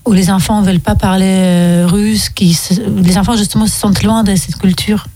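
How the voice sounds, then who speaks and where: A woman's voice: mid-range voice, fairly even intonation, moderate pace, warm tone, dry recording. A young woman from Russia, a film director, answering radio interview questions with many hesitant ums.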